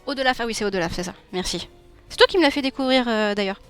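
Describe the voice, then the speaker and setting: This young woman speaks fast in a clear, resonant voice on the high side, with soft music in the background. A streamer and illustrator with a southern French accent from Nîmes, she chats casually with her viewers while drawing live, laughing often. Her manner is warm and chatty, and she reads the chat aloud.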